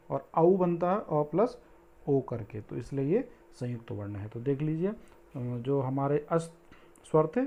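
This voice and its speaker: A man's voice: on the high side, muffled recording. A man teaching a grammar lesson in a teacherly way, reciting Sanskrit verses and drawing out vowel sounds.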